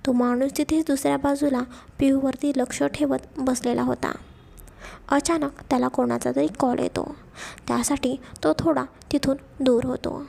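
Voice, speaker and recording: A woman storyteller narrating a romance story for her channel in a steady, scripted way. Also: high-pitched, moderate pace, creaky.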